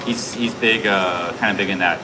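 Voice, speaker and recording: This streamer has a low, loud voice that carries, and he speaks at normal speed in a steady tone. Filming himself with a camera rig on an outdoor city street, he rambles casually through fillers and false starts while street noise comes through clearly.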